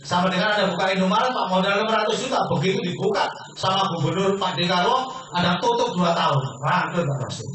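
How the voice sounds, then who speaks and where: A man giving a persuasive sales seminar pitch, constantly addressing the audience as sir and quizzing them. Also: fast, a bit bright, slight background noise. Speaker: business opportunity presenter. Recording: very echoey hall from far off.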